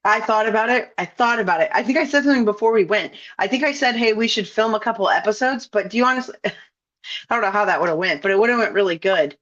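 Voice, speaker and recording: A woman's voice: mid-range voice, fast talker, fairly bright tone, dull audio. A woman in her thirties co-hosting a podcast from home in casual chat, giggly and rambling, often restarting her sentences. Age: 30s. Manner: giggly, rambling, self-interrupting. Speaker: podcast co-host. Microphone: streaming setup.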